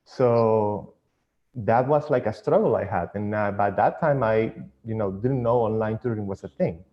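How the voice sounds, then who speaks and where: A man's voice: fairly low pitch, moderate pace. A man with a Venezuelan accent speaking casually and a little hesitantly as a tutor in an interview over an internet call. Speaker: online physics tutor. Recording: dull lo-fi internet call audio.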